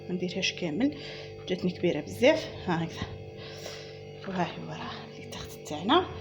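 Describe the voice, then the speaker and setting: Fast-talking Algerian woman teaching baking. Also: mid-range voice. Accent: Algerian Arabic. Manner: chatty and instructive, addressing viewers as "girls". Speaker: home baking channel host. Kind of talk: casual cooking tutorial. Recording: music playing clearly behind her.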